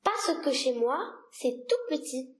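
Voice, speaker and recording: In a storybook read-aloud, a woman voices a small, curious boy prince, earnest and insistent with childlike questioning. Her voice is high and animated, her pace slow.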